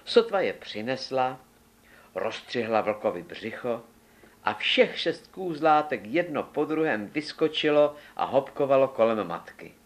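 A man reading a fairy tale aloud in a measured, expressive storytelling manner. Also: medium pitch. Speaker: narrator.

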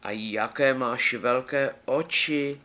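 A man's voice: medium pitch, pushed and bright, voice pushed up, natural voice. A man voicing an innocent, trusting young girl in a fairy tale, speaking sweetly and naively. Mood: wondering.

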